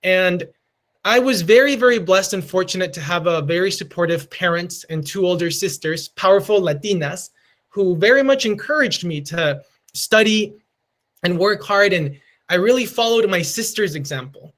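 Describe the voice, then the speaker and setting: A Peruvian man in his twenties gives an earnest motivational lightning talk in a Peruvian Spanish accent, slipping Spanish phrases into his stories. His voice is high-pitched and a bit bright, at a normal speed.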